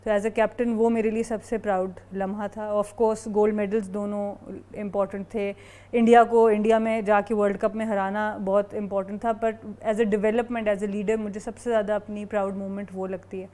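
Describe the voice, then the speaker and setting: A woman's voice: medium pitch, level tone, mellow. A woman team captain, a guest on a TV show, answers articulately and mixes in English phrases. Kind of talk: TV interview answers.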